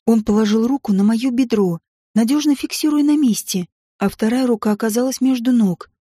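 A woman narrating a romance novel in the first person, in an intimate, expressive reading. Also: on the high side, a little fast, breathy edge, no room sound, studio quality. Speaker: audiobook narrator.

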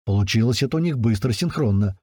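Husky male audiobook narrator. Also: mid-range voice, fast talker, no echo, studio quality. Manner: colloquial storytelling with lively intonation. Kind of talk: first-person audiobook narration.

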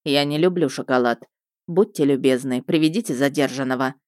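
A woman's voice: extremely low pitch, brisk, a little mellow, no room sound, studio quality, voice pushed down. A woman voicing a reserved male police investigator who speaks in a level, dryly polite way. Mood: curt.

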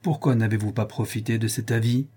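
A man's voice: lowish voice, fairly even intonation, brisk, dark tone, slightly rough. A man voicing a mysterious hooded monk who speaks with solemn, imperious authority.

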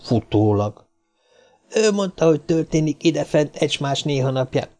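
A man's voice: a little high, big pitch swings, mellow, voice pushed up. A man putting on a cheeky little circus man. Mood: cheeky chatter. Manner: chatty, stammers when frightened. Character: small male circus performer, cheeky, nervous.

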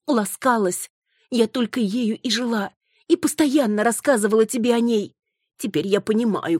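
A woman voicing a jealous, hysterical young wife who scolds her husband, shrill and close to tears. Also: breathy edge, dry recording. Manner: shrill, accusing, near tears.

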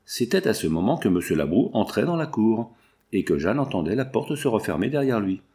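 A man reading a nineteenth-century novel aloud in measured, dramatic narration. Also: lowish voice, big pitch swings, mellow. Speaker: audiobook reader. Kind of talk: scripted narration.

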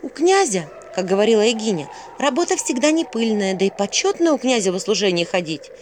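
A woman's voice: mid-range voice, very animated, brisk, darkish tone, slight background noise, pitched above the performer's own voice, close to an everyday voice. A woman voicing an earnest young sorceress girl who speaks with worry and frequent sighs. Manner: earnest, worried, sighing. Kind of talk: audiobook character voice.

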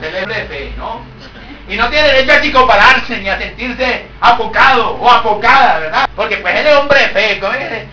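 A man's voice: very high voice, sharp tone, slight background noise. A male pastor, preaching emphatically and asking his listeners rhetorical questions. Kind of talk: sermon. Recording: echoey room, voice from a distance.

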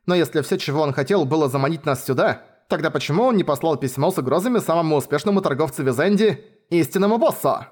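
A cocky young sorceress snaps back in a raised, lively voice, as a male reader puts her on. She is curt and sarcastic, a storybook heroine sure of herself. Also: fairly high pitch, quick pace, hardly any pauses. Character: cocky sharp-tongued young sorceress, female.

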